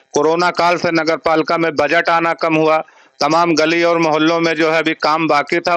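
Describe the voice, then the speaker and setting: A man's voice: a little high, a bit bright, smooth, no room sound. Insistent man listing civic works. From Uttar Pradesh, India. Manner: insistent, lists places and works in long runs. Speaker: municipal chairman's representative. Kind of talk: press interview answers.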